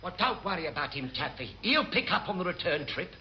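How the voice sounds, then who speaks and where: An actor playing a wily, cheeky chief petty officer in a radio sitcom, brash and offhand. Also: male voice, sits high, sing-song, fairly quick, pushed and bright, a little hiss or hum, heavily acted. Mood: breezy, sly. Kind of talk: classic British radio sitcom acting.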